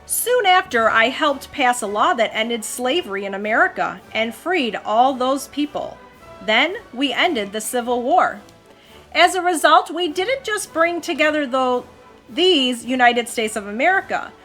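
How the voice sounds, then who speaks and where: Reading to her child, this mother hosts an expressive storytime, pausing to chat and ask young listeners questions. Her voice sits high with big pitch swings, unhurried and fairly bright. Soft music plays in the background.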